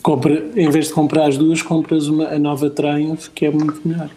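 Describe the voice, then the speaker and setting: Rambling Portuguese man, slightly higher voice. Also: completely flat delivery, moderate pace, warm tone, low-quality recording. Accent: European Portuguese. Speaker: talk show co-host. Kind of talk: casual chat, anecdotes.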